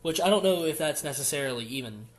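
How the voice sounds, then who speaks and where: A man's voice: fairly high pitch, expressive, quick pace. A young man co-hosting a casual podcast, giving his opinions in long run-on explanations. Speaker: podcast co-host.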